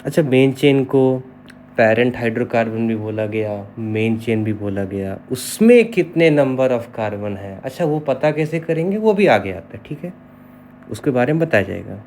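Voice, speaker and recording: In an online chemistry lesson, a man spells terms out letter by letter and keeps checking in with his students, often with a repeated "okay." His mid-range voice is expressive and darkish, delivered at a moderate pace, with a little hiss or hum in the background. His manner is explanatory.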